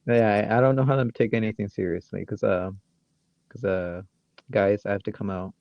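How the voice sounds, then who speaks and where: A man's voice: fairly low pitch, fairly even intonation, moderate pace, vocal fry, no echo, muffled recording. A man with a Great Lakes Michigan accent chatting casually as a podcast co-host in a goofy, rambling, joking way. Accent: Great Lakes American, Michigan. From Michigan, United States.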